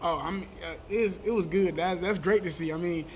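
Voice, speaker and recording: A college football player in his twenties answering post-game questions quickly, often repeating words as he goes. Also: sits high, a little hiss or hum. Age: 20s. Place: press conference room, indoors. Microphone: table microphone.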